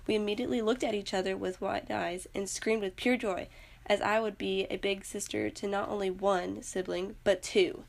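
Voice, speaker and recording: A woman's voice: mid-range voice, steady tone, moderate pace, creaky. A young woman earnestly reading aloud a personal story she wrote as a student. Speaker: student narrator.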